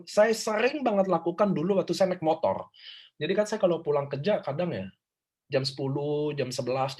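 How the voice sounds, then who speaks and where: Husky man, fairly high voice, lively and emphatic, online workshop speaker on a call mic. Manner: animated, informal, emphatic. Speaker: motivational speaker. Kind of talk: online motivational workshop talk. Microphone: video call.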